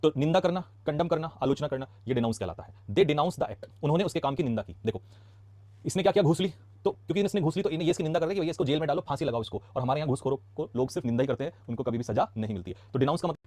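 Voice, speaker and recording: Rapid-fire Indian man teaching vocabulary. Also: fairly high pitch, animated, a little mellow, dry recording. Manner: rapid, chatty, asks quick questions then answers them. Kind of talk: casual classroom lesson explaining words.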